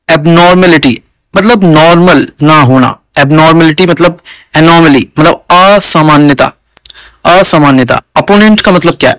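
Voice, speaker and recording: A man with an Indian English accent teaches exam vocabulary in a fairly high voice. He glosses each word in Hindi, repeats it, and checks in with "theek hai" as he goes. The sound is close and dry, with no room echo. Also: a bit bright. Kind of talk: vocabulary lesson for exam prep.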